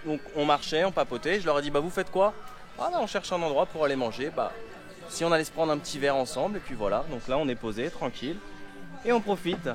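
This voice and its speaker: A fairly high-voiced man chats to his camera at an outdoor table in town, easygoing and quick to laugh. He sounds a little worn out from travelling. Faint music plays somewhere behind him. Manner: relaxed, chatty, laughs often. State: tired. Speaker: travel vlogger. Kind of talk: casual travel vlog chat. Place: outdoors in a town, at a street restaurant.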